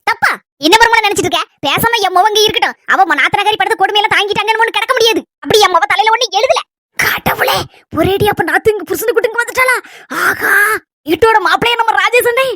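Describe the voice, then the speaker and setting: A scolding old village mother-in-law, put on by a young woman. She rattles on fast in a Kanyakumari Tamil accent, high and bright for an old woman. It is a dry-sounding comedy sketch voice. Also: no room sound. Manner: nosy, loud, complaining.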